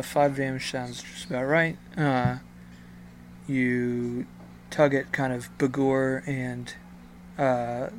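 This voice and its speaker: A man narrating a tabletop role-playing game as game master, improvising with a hesitant, halting delivery. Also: medium pitch, a little hiss or hum.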